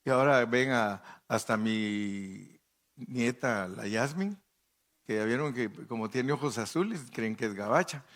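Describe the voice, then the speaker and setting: A man's voice: mid-range voice, unhurried, fairly bright tone. An older man preaching a sermon as pastor, telling folksy stories and acting out the people he quotes. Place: church.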